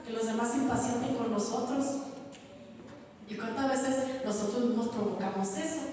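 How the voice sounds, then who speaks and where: A woman's voice: fairly high pitch, moderate pace, mellow, a little hiss or hum. A woman preaching a sermon, often asking the congregation to agree and drawing out key words in a half-sung tone. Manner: keeps asking the congregation "¿verdad?". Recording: echoey hall, distant mic.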